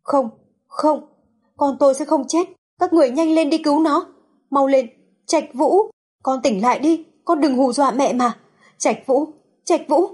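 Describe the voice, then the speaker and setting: A heartbroken middle-aged mother pleads through tears, her voice climbing high with desperation, as a woman narrator acts her out. The tone is dark and mellow, and heavily breathy. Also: moderate pace. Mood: desperate sobbing.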